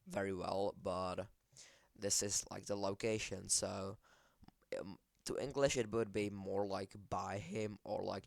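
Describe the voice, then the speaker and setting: Deep, gravelly, hesitant man with a Czech accent. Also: dry recording. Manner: hesitant, many fillers and self-corrections. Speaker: language creator explaining his project. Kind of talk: casual screen-share explanation.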